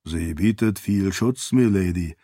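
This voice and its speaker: A man's voice: sits low, a little slow, warm tone, dry recording, studio quality, voice pushed down. A man voicing a polite, wry male spirit servant in an audiobook, speaking with formal deference. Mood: dry, deferential. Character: dry-witted male spirit servant, a floating light.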